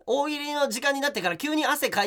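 A man co-hosting as a comedian in casual chat, with rough, teasing banter and frequent laughter. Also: very high voice, expressive, a little fast, pushed and bright. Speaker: comedian co-host.

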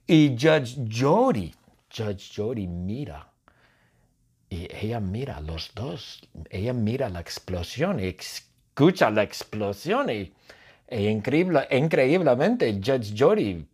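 A husky-voiced man narrates a silly story at an unhurried pace. His pitch leaps around as he plays it up, acting out shouts and sound effects for his listeners. The telling is playful and deliberate, shaped for language learners. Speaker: Spanish teacher telling a story.

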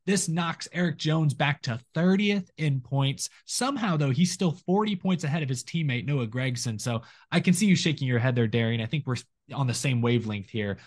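A man hosting a motorsport podcast, running through news in a steady, chatty way with short asides. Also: mid-range voice, fairly quick. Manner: steady newsy rundown with asides. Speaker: podcast host. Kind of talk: casual podcast chat.

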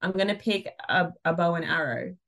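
A woman's voice: lowish voice, expressive, normal speed, creaky, a bit bright. A woman, a mother and author, chatting as a podcast guest in a playful, rambling, self-deprecating way. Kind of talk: casual chat.

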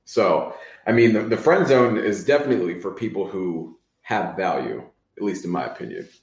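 A man speaks as a podcast guest in a very low voice. He talks in a measured, thoughtful way and pauses on fillers. The room gives a roomy echo. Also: lively intonation, vocal fry. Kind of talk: casual chat.

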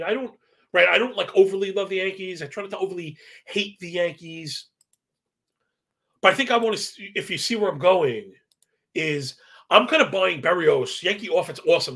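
A man with a high voice and a heavy creak runs through baseball betting analysis. He talks like a slangy professor, stacking statistics in a casual way and tagging points with a quick "right?". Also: bright, forceful tone. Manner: slangy, asks "right?" as a constant tag; self-described professorial, rattles off statistics. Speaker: sports betting analyst, live stream host.

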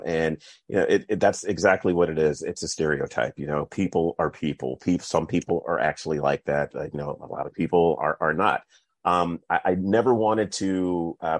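Deep-voiced man from North Carolina. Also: dry recording, clean studio sound. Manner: relaxed, laughs easily, repeats words when emphatic. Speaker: author. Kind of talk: casual interview answers.

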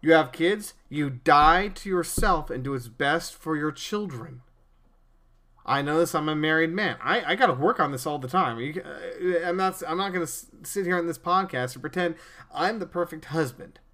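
A man's voice: a little high, normal speed, bright, forceful tone. Earnest man preaching on a podcast. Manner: earnest, preachy, with frequent restarts and stammers. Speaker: podcast host.

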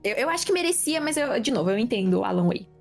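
A woman with a Brazilian accent and a fairly high voice chats casually. She is animated and full of slang, over faint background music. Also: quick pace, vocal fry. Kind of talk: casual chat.

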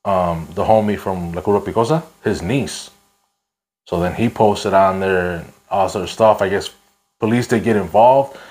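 A man's voice: on the low side, a little mellow. A man chatting casually as a podcast host in slangy, swearing, bro-heavy street talk.

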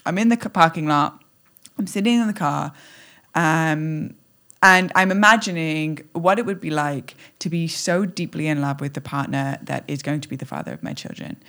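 A woman's voice: sits low, normal speed, fairly bright tone. Playful, exuberant woman talking animatedly. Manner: playful, exuberant, acts out scenes with squeals and laughs. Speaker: podcast guest. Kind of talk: animated conversational talk.

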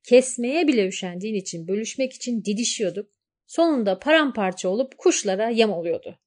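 A storybook talking beast, a palace guard, drawling its excuses slowly and humbly, told by a woman narrator. The voice sits a little higher than plain narration and stretches each word. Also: lively intonation, a little mellow. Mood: pleading. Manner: slow, drawn-out pleading. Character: talking animal guard, slow and pleading.

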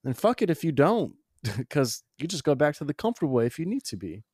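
A man co-hosting a podcast, relaxed and reflective, swearing casually. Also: on the high side, fast talker, slightly rough, no echo, studio quality. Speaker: podcast co-host.

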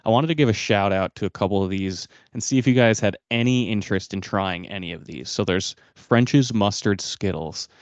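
A lowish male voice that wanders through long explanations, restarting and hunting for words in relaxed podcast talk. The recording is dry and a bit dull. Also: normal speed, few pauses, no echo. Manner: rambling, searching for words. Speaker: podcast co-host. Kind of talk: casual chat.

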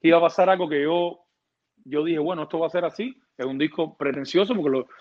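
A man's voice: on the high side, quick pace. A man, a music producer talking casually in an interview, rambling and restarting his words with many fillers. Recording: dull lo-fi sound.

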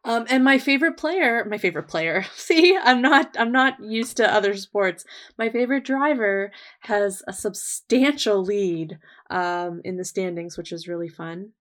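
A woman's voice: mid-range voice, unhurried, a bit bright. A woman co-hosting a podcast in casual chat, talking in long runs with many fillers and frequent laughs. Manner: chatty, filler-heavy, laughs often. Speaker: podcast co-host.

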